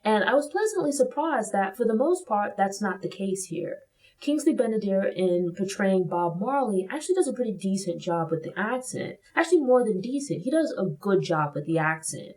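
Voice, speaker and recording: A woman from Brooklyn, New York, hosts a casual spoken film review. She talks thoughtfully at a mid pitch, often hedging her points with "like" and "you know." Her delivery sounds like relaxed conversation, not a script. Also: normal speed, poor audio.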